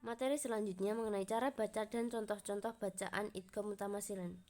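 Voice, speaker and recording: A young woman from Indonesia, a university student, reads a class presentation in a steady, explanatory way and slows down to recite Arabic examples. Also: mid-range voice. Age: young adult.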